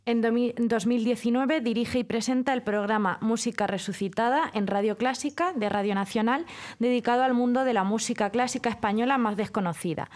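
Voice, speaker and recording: A woman's voice: on the high side, fairly quick, a little mellow. Laughing woman co-hosting an interview. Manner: friendly, laughs often. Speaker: co-host. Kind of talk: interview host chat.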